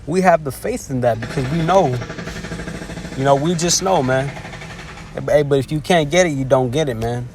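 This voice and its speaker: Background noise accompanies a lay preacher's medium-pitched voice during an informal scripture teaching. Frequent stumbles and restarts mark his delivery, along with plenty of "man" and "hey," and his verse reading is slow and hesitant.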